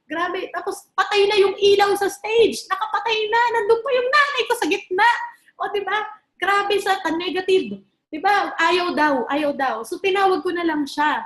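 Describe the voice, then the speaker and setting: A woman of about thirty delivers a chatty motivational talk on network marketing to a live audience, her voice extremely high, a bit bright, and at a moderate pace in a roomy space. She tells stories, slips into English, and asks the crowd questions.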